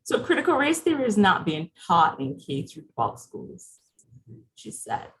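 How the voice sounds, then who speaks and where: A woman's voice: on the low side, huge pitch swings, measured pace, poor audio. A woman from Barbados, giving a conversational presentation over a video call and putting questions to her audience. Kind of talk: interactive presentation.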